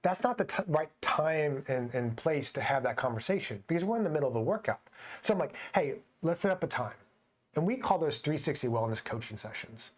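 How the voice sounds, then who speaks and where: A man's voice: fairly high pitch, expressive, brisk. A man co-hosting a fitness podcast, telling stories from training clients in a conversational way. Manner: conversational, anecdotal, quotes clients. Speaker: podcast co-host, personal trainer. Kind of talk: casual podcast discussion.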